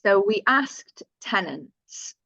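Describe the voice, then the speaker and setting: In a bright, forceful, medium-pitched voice with vocal fry, this woman draws out her words expressively while sharing survey results on a webinar. She speaks conversationally with asides and self-corrections. Captured dry through a video-call computer mic, the audio is dull and lo-fi.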